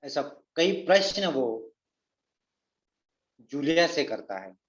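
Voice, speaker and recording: A man's voice: a little high, big pitch swings, slow. A man teaching a Hindi lesson, explaining a play to his students, reading lines aloud and then repeating them in plainer words. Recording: echoey, dull lo-fi recording.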